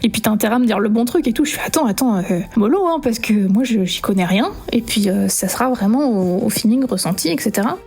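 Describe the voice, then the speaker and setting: A woman's voice: a little high, lively intonation, fast, hardly any pauses, a little mellow, slightly rough. A young woman telling her own paranormal experience as a spoken testimony, acting out the dialogue with many fillers.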